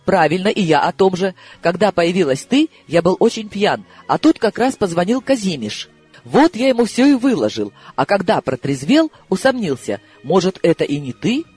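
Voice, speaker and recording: A man reading an audiobook, voicing a nervous, excitable male friend who rambles and pleads. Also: high voice, normal speed, breathy edge, faint music behind, pitched above the performer's own voice, full character voice. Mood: rattled. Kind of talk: audiobook character voice.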